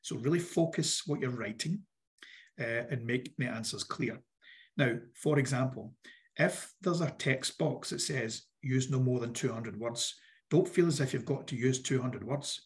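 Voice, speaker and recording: A man with a croaky voice, giving direct, instructive advice in an online workshop presentation. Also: mid-range voice, measured pace. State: croaky voice, clearing his throat. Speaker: workshop presenter for a business funding competition.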